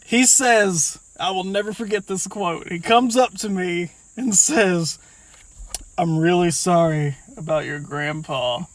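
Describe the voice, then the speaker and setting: High-voiced male co-host; loose anecdote-telling with laughter. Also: measured pace, no room sound. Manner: laughs through his own stories. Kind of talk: casual storytelling chat.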